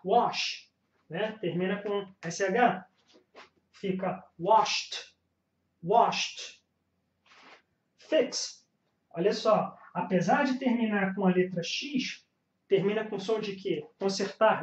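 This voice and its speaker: A man with a Brazilian Portuguese accent teaching English pronunciation, repeating words slowly and carefully between explanations. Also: sits high. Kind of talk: pronunciation lesson. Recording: roomy, slightly dull home recording.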